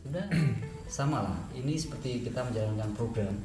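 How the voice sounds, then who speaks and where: A man talks as an interview guest, calmly and thoughtfully, often stopping to search for a word. His voice sits at a middle pitch. The room around him is echoey. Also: music in the background. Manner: measured, thoughtful, with pauses. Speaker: guest, former NGO logistics manager. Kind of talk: relaxed conversational interview.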